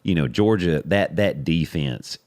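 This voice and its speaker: A man's voice: very deep voice, lively intonation, measured pace, a little mellow, no echo, studio quality. A man co-hosting a podcast in casual sports chat, rambling and repeating words as he finds his point. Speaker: podcast co-host.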